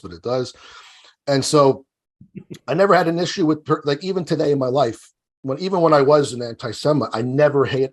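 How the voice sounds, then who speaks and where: A young man, a guest in a casual interview who rambles loosely and trails off with offhand asides. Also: medium pitch. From Italy, raised in New Jersey.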